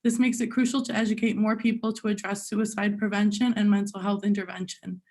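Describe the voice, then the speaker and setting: A young woman in her twenties, a law student, reading formal prepared testimony while losing her voice. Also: medium pitch. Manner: steady, formal reading in an even tone. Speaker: legal intern giving testimony.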